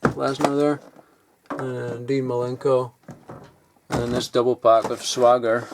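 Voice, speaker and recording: A toy collector vlogger rambles off the cuff while sorting old toys in a cluttered loft, mumbling asides and swearing now and then. His mid-range voice is a little slow and fairly flat in pitch, with vocal fry and background noise.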